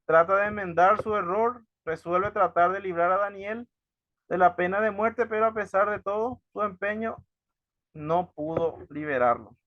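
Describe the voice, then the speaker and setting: A man's voice: sits high, moderate pace, dry recording, highs cut off. A man teaching from the Bible, reading verses aloud and then explaining them, often asking his listeners for agreement. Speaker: preacher.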